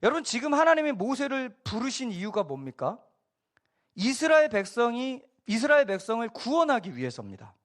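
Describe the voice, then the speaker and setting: A man's voice: extremely high pitch, fairly quick. A middle-aged man preaching a Sunday sermon as a pastor, telling stories and acting out the people he quotes. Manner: animated storytelling, acts out quoted voices.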